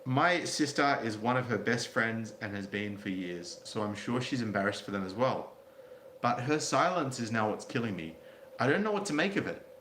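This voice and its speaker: A man's voice: medium pitch, lively intonation, normal speed, a bit bright. Sardonic man commentating in an echoey room. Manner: blunt, sardonic, crude asides. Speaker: commentary video host. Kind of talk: reading out a story with casual commentary. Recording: roomy echo, faint background noise.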